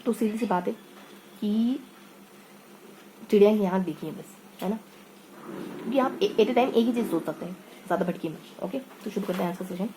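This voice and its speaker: A woman teacher leads an online exam-prep lesson, sharing motivational stories in a conversational way and frequently adding tag questions. Her medium-pitched voice moves at normal speed with frequent pauses, against a noisy background.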